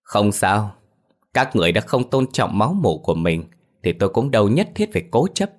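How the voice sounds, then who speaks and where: A man's voice: lowish voice, sing-song, moderate pace. A man voicing a proud but desperate middle-aged father in an audio ghost story, raising his voice in protest. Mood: defiant. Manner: pleading and shouting in protest.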